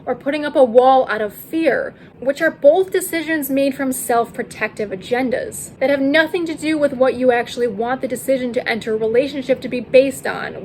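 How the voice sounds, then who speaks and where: A woman's voice: high voice, low-quality recording. A woman giving a scripted commentary as a video host, projecting her voice to be heard over heavy rain. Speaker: video host and channel creator. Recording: clear rain noise behind voice. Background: rain falling overhead.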